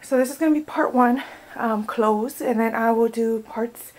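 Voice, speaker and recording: A woman's voice: a little high, moderate pace, a little mellow, a little hiss or hum, poor audio. Chatty young woman showing baby clothes. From United States. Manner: chatty, rambling, many fillers. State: out of breath. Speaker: vlogger. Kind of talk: casual haul vlog.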